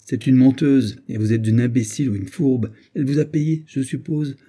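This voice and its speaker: A man reading an audiobook, voicing a furious, scheming gentleman who shouts accusations at his housekeeper. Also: lowish voice, flat delivery, a little slow, breathy edge. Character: enraged scheming gentleman, middle-aged man.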